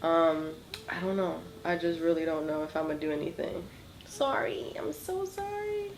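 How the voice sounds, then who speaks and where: With a crowd audible behind her, a woman in her twenties chats through a makeup tutorial in her small home studio, nasal from a cold. Her voice is on the low side and expressive, at a normal speed. As a beauty vlogger she's casual, apologetic and packed with ums and likes.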